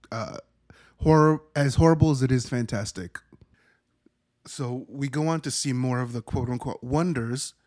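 A man in his thirties hosting a podcast, recapping a horror movie in a rambling, profane, self-correcting way. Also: mid-range voice. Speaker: podcast host reviewing a movie. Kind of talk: casual spoken movie recap.

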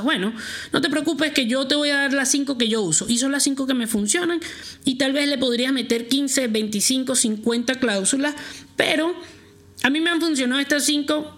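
A man's voice: very high-pitched, a bit bright. Man, podcast host, confident coaching tone, direct talk to listener, instructional monologue. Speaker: podcast host giving repair-shop advice.

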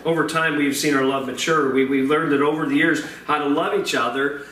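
A man in his forties preaching a sermon as pastor, talking in a halting way, often repeating words and filling pauses with uh. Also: a little high, steady tone, fairly bright tone. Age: 40s. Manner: hesitant, repeats words and fills with uh. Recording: roomy, distant mic with faint noise.

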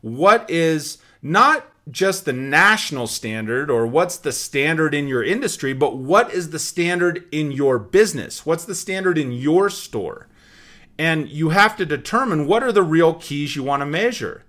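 Male host for motivational business talk: slightly high-pitched, bright, emphatic and instructive. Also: animated, a little slow. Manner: emphatic, instructive, repeats key points. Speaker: show host, sales trainer.

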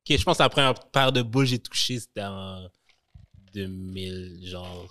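A man from Quebec with a Quebec French accent, a guest on a podcast, talking candidly and laughing loudly. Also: deep voice, normal speed. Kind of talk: casual banter.

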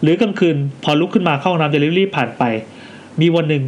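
A man's voice: fairly high pitch, muffled recording, a little hiss or hum. A man co-hosting a casual podcast, reading listener ghost stories aloud with jokey asides. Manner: animated, quick reactions, jokey asides while reading.

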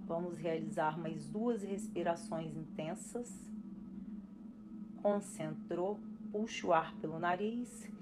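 Brazilian woman, guided relaxation instructor, calm delivery, very slow pace, clear background music. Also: on the low side. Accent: Brazilian Portuguese. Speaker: guest relaxation and breathing instructor. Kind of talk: guided relaxation for expectant parents.

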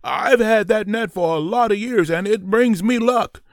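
A man voicing an excited, proud male hunter who talks loudly and eagerly. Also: high voice, measured pace, no room sound, studio quality, pitched above the performer's own voice.

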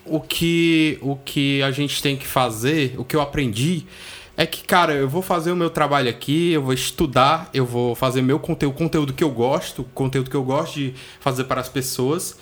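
A man's voice: mid-range voice, moderate pace, fairly bright tone. A man, co-hosting a podcast in casual chat, blunt and swearing freely as he thinks aloud. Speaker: podcast co-host. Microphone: studio microphone.

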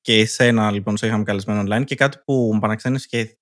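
A man's voice: on the low side, fairly even intonation, a bit bright, no room sound, clean studio sound. A man in his thirties hosting a casual podcast, telling a rambling story. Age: 30s. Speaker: podcast host.

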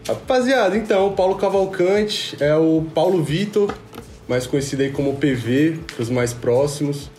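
Podcast guest: twenties, from Rio, laid-back slangy storyteller, echoey room. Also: male voice, on the high side, expressive, normal speed, darkish tone, faint music behind. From Rio de Janeiro, Brazil. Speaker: podcast guest, music producer. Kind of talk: casual chat. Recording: roomy, faint background noise.

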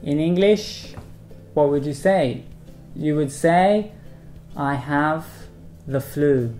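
A man teaching English vocabulary in a bilingual lesson, repeating each model sentence slowly and carefully. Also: on the high side, a little mellow, faint music behind.

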